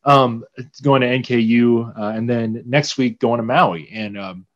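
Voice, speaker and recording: A man's voice: medium pitch, unhurried. A male podcast co-host chatting casually about sports with a hesitant, rambling delivery. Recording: slightly dull, lo-fi audio.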